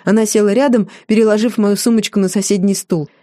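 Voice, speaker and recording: Mellow-voiced woman narrating a novel. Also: medium pitch, steady tone, quick pace, no room sound, studio quality. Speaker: audiobook reader. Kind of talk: first-person novel narration.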